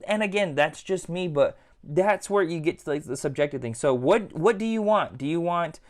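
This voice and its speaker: Casual male toy reviewer, slightly higher voice, talks loosely and circles back on his points. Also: animated, moderate pace. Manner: chatty, rambling, repeats "again" and "like".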